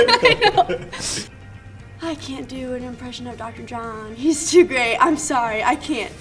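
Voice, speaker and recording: A woman's voice: high-pitched, lively intonation, unhurried. A woman speaking casually, bubbly and apologetic, in a tribute message. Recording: distant mic, music behind.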